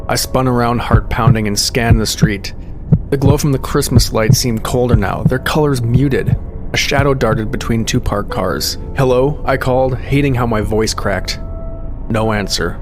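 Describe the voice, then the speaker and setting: A man reading a scripted horror story in a measured, suspenseful storytelling manner. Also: medium pitch. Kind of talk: scripted scary story narration. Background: music under the voice.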